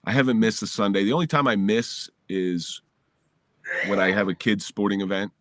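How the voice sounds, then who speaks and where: Candid and lively, a middle-aged New Jersey man tells a personal story as a guest on a podcast, recorded in his home basement. His lowish voice keeps a moderate pace, and the recording is dry.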